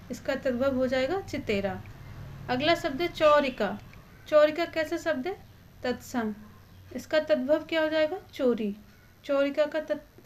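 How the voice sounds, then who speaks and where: High-voiced woman teaching a grammar class. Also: a little hiss or hum. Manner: asks a question, then answers it herself; stresses the exam-important words. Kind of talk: Hindi grammar lesson.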